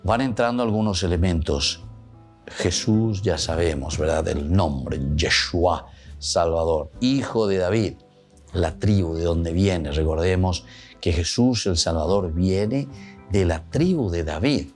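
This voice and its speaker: A man's voice: low-pitched, takes it slowly, darkish tone, faint music behind. A male priest with a Paraguayan Spanish accent giving a reflective homily, moving back and forth between Spanish and Guaraní and repeating his points.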